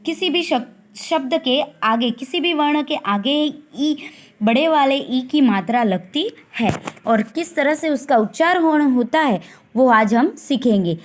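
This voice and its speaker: A woman teacher with a high voice, leading a recorded lesson for young children. She speaks at an unhurried crawl, drawing each syllable out carefully so the class can follow and repeat after her. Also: expressive, a little hiss or hum. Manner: slow, deliberate, stretching syllables to model pronunciation. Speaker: primary school teacher.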